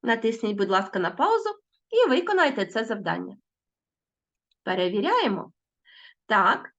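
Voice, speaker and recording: Woman teacher, recorded school lesson, instructive, spells out sounds, animated pitch, dull lo-fi audio.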